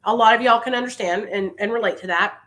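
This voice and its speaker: A woman's voice: a little high, fast, fairly bright tone. A woman giving impassioned, informal motivational talk to viewers, emphatic and insistent, repeating phrases to drive them home. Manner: informal, familiar address. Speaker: livestream host speaking on addiction recovery.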